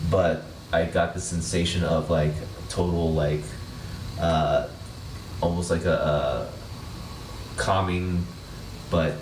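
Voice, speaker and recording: Low-voiced man, distant and echoey. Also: a little mellow. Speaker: guest sharing challenge tips. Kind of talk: casual chat to camera. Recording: distant mic, echoey, noisy surroundings.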